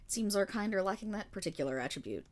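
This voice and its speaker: In a fantasy roleplay audio monologue addressed to the listener, a woman plays a kindly, weary and remorseful paladin, speaking formally in gentle, measured storytelling with dramatic pauses. Her voice is medium-pitched, expressive and close to everyday speech, with a friendly, curious mood.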